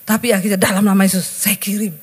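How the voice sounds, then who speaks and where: A woman pastor from Indonesia preaching a sermon as a personal testimony, telling it animatedly and acting out the dialogue with sudden jumps in pitch. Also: level tone, fast, breathy edge.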